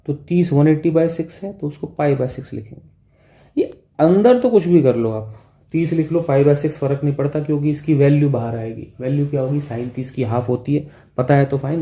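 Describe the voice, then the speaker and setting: A man's voice: a little high, warm tone. A man teaching physics in a classroom-style lecture, explaining step by step and often checking in with his students. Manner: speaks directly to students as "बच्चों" and "भाई".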